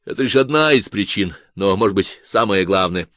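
Man doing a jittery defector spilling everything, pitch jumping all over. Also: expressive, normal speed, fairly bright tone, dry recording, studio quality. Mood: confessing. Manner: agitated, self-justifying, emphatic. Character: nervous defecting male artist confessing on radio.

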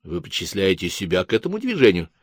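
Guy doing a cool detached radio interviewer, quiet and measured, kinda snooty. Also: low-pitched, dry recording, clean studio sound, pitched below the performer's own voice, exaggerated voice. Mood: clinical. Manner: calm, measured, soft, like a psychiatrist. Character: cool, clinical male radio interviewer, faintly disdainful.

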